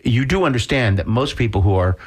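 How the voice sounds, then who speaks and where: A man's voice: medium pitch, animated, brisk, husky. A man hosting a radio conversation, encouraging his guest with affirming remarks. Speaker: radio host. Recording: radio studio.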